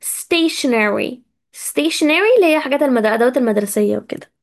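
High-voiced Egyptian woman teaching English. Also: animated. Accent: Egyptian Arabic. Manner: repeats English words slowly to drill pronunciation; chatty, addresses students directly. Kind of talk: casual live vocabulary lesson.

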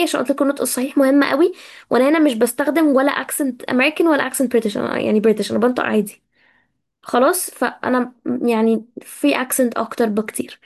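In a relaxed live vocabulary class, a high-voiced Egyptian woman with an Egyptian Arabic accent teaches English. She chats with her students, addresses them directly, and slowly repeats English words so they can practice pronunciation.

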